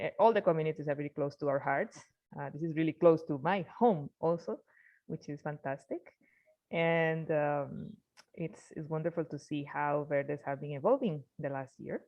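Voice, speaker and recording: A woman hosting a video call, upbeat and halting, with restarts. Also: deep voice, lo-fi sound. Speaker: host.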